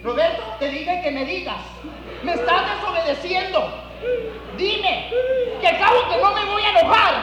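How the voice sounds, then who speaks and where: A man acting out a harsh father who shouts scornfully at his teenage son. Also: moderate pace, very echoey, long reverb tail, muffled recording, music in the background. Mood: impatient demanding. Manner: shouting, high-pitched and scornful.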